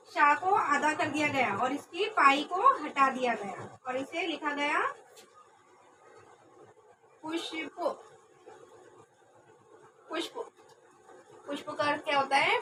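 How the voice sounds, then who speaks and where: A young woman teaching a class, with a high voice and an unhurried pace. She repeats each word carefully and asks questions she then answers herself. The recording is distant, with clear background noise. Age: young adult. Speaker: trainee teacher. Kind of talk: classroom lesson.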